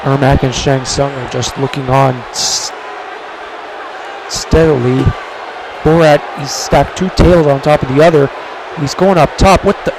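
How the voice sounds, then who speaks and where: A man doing excitable wrestling play-by-play commentary, dramatic and given to repeating phrases. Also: medium pitch, unhurried, pauses often, a crowd in the background, background noise. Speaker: wrestling commentator and ring announcer.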